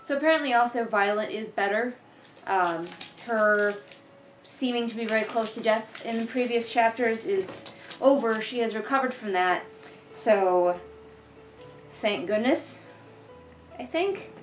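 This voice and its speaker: Curled up on an indoor living room couch, a young woman reviewing a book reads along and comments sarcastically, sounding casual, exasperated and informal. She speaks a little high and unhurriedly, leaving long pauses, while soft music plays behind her on a rough recording. A camera picks her up from a short distance.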